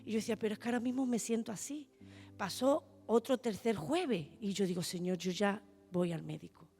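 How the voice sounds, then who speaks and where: Lady sharing her testimony in church, warm mellow voice, heartfelt, talks to the congregation as brothers. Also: mid-range voice, fairly quick. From Spain. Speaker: church member giving testimony. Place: church hall.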